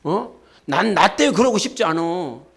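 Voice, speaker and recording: A man preaching a sermon as pastor, talking directly to his congregation and leading them in shouted declarations. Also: high voice, lively intonation, measured pace, gravelly, husky. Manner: often asks the congregation "예?" and talks to them directly. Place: church sanctuary.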